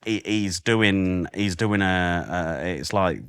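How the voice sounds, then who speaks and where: A man's voice: deep voice, takes it slowly, fairly bright tone, smooth, no room sound, studio quality. A man co-hosting a podcast in casual chat, a jokey, rambling storyteller. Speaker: podcast co-host.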